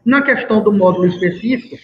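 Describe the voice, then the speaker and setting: A man with a high voice presents to a seminar, stopping often to restart his phrases and fill pauses. The sound is thin and tinny, like a phone line. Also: background noise. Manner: hesitant, many fillers and restarts. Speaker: course presenter. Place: seminar room.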